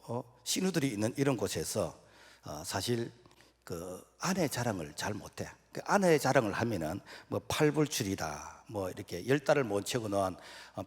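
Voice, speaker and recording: A male pastor preaching a sermon in a church, telling folksy stories with acted-out dialogue and sudden shouts. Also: fairly low pitch, husky. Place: church sanctuary. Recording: long hall reverb.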